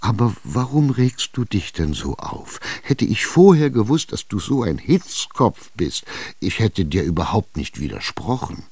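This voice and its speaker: A fretful old widow , as a male reader puts her on, drags out her words in a low, hesitant whine. She sounds stubborn and easily frightened, and the dry, close recording of this radio play keeps every sigh near. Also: animated, dry recording, exaggerated voice. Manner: slow, hesitant, whining. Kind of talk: radio drama reading.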